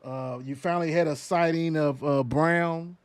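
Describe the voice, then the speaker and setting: A male sports show host talks in loose, animated banter, full of slang and filler words. His voice sits high for a man. The sound is dry and close. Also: a little slow, smooth, no echo. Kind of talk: casual sports talk.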